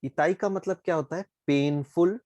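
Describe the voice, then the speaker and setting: A man with an Indian accent, a Japanese teacher explaining words slowly and asking "ठीक है?" often. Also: on the high side, mellow, no echo. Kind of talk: online class explanation.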